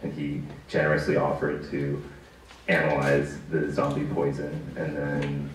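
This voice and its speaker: A man speaking as a panel guest, telling a story in a measured, matter-of-fact way. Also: a bass voice, completely flat delivery, a little hiss or hum. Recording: echoey room, far from the mic.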